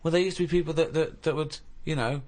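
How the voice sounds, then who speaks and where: A man's voice: on the high side, steady tone, quick pace, a little mellow. A man co-hosting a radio show, rambling bluntly and swearing in casual chat. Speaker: radio co-host.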